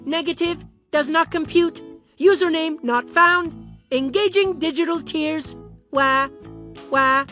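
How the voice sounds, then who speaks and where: A woman's voice: high voice, takes it slowly, bright, forceful tone, faint music behind, full character voice. A woman voicing a stiff, formal robot prince who talks like a computer, in a storybook game. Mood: mock sad. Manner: robotic computer-speak delivery. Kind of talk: storybook game narration with character voices.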